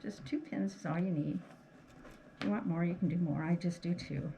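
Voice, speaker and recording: Wearing a face mask, a woman with a fairly low, dark-toned voice talks at a normal speed while showing a craft technique hands-on. This tutorial host has a homely, casual style, narrating as she works and often saying "okay" to check in. Audible noise and handling clicks run through the recording.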